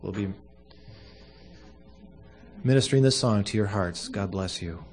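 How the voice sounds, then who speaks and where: A man speaking as a pastor at a funeral service, giving a solemn, earnest prayer in measured short phrases. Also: fairly low pitch, darkish tone, slight background noise.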